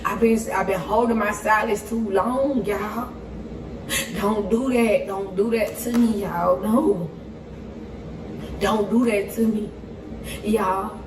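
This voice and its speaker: A woman talks slowly and emphatically, drawing out each point. Her voice sounds distant and echoey, played from a video clip. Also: medium pitch, fairly even intonation. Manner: emphatic, repeating 'y'all'.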